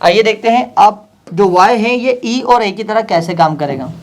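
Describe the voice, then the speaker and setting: A man's voice: high voice, expressive, normal speed. A man teaching a language lesson, patiently repeating each phrase and word and asking his listeners questions he then answers himself. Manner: addresses listeners directly, asks and answers his own questions.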